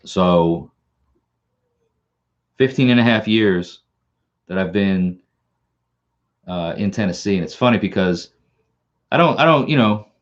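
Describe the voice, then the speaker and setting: Speaking at a measured pace with lively intonation and long pauses, this man has a voice on the low side, recorded with lo-fi sound. A channel host from Long Island, New York, he carries the local accent and rambles through a casual live stream, restarting and repeating words a lot.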